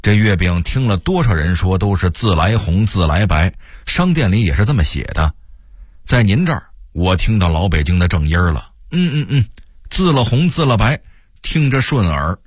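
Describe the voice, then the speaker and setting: A man voicing an elderly male snack shop manager from old Beijing, speaking with a Beijing accent and animated, delighted exclamations. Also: deep voice, moderate pace, no room sound, studio quality. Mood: excited. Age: older.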